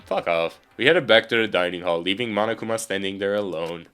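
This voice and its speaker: A man's voice: on the low side, fast talker, fairly bright tone, smooth, soft background music. Casual man reading a game aloud. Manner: casual, swears, laughs at the script. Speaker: let's play host. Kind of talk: reading a visual novel aloud.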